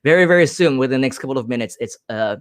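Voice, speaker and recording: A man's voice: medium pitch, expressive, racing, dry recording, studio quality. A man from Hong Kong hosting a live stream, answering viewer comments in an upbeat, direct way with frequent filler sounds.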